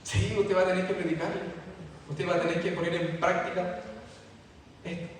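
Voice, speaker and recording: A man's voice: high-pitched, level tone, moderate pace. A male pastor preaching a fervent sermon, repeating phrases as his emphasis builds, heard in a church hall. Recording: echoey hall from far off, faint noise.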